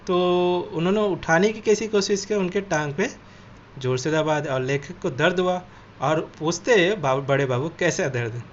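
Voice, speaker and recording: A male teacher with a slightly high voice speaks at normal speed, reading a textbook passage aloud before explaining it line by line and glossing the tougher words. The audio is dull and lo-fi, with faint noise.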